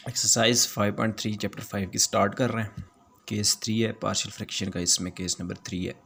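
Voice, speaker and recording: A man's voice: lowish voice, fairly even intonation, fast talker, vocal fry, a bit bright, slight background noise. A man teaching a math lesson, explaining each step patiently and repeating key points.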